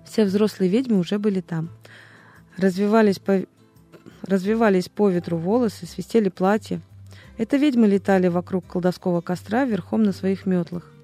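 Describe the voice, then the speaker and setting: A woman's voice: mid-range voice, normal speed, mellow, faint music behind. A woman narrating a storybook as an audiobook reader, reading expressively.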